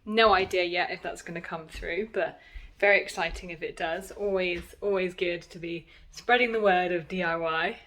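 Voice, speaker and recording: A woman's voice: lowish voice, steady tone, moderate pace, a bit bright, low-quality recording. A woman chatting practically through a DIY vlog as she works on her garden deck, with self-deprecating asides. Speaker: DIY vlogger. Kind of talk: casual vlog narration while working.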